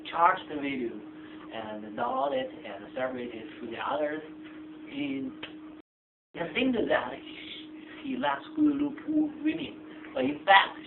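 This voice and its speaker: A man from China with a Chinese accent, answering interview questions in halting English. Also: sits high, creaky. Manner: halting, hunts for words. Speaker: interviewee, gamer. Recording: tinny lo-fi echoey room with noise.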